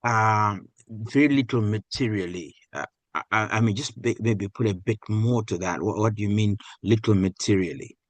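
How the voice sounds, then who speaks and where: A man hosts an interview podcast, his low voice recorded dry and close. He asks questions casually and in a friendly way, often restarting his sentences. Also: moderate pace, no room sound. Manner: friendly, casual, with stammered starts. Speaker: podcast host. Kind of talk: interview host.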